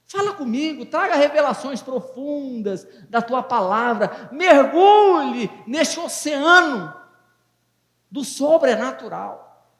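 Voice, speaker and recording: A male pastor in his fifties preaches with fervor and folksy humor, his voice pitched very high for a man. He is recorded in an echoey church hall where his words ring out with a long reverb. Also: big pitch swings, slow pace. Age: 50s. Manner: fervent, folksy preaching with jokes to the congregation. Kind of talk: sermon.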